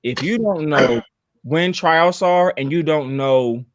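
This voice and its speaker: A man co-hosting a basketball podcast in casual chat, teasing and lively, often restarting his sentences. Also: on the high side, slow pace, no room sound, studio quality. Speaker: podcast co-host.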